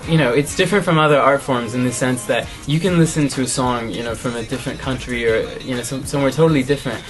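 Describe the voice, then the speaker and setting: A young man from Canada, a singer, answering interview questions in a relaxed, thoughtful way with many fillers. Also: medium pitch, fast talker, over music. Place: music studio, indoors.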